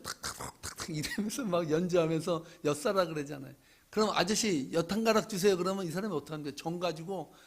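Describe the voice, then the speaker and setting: A middle-aged male pastor preaching a sermon, swinging from loud pleading questions to hushed asides. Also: high-pitched, husky.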